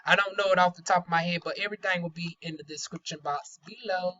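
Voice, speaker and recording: Her voice sits on the low side, a bit bright, with a steady tone and a quick pace. She's a beauty vlogger and aesthetician from North Carolina in the US South whose Southern accent and difficulty with Rs color a casual, folksy product review, candid and chatty with playful slang. The sound is dull and lo-fi.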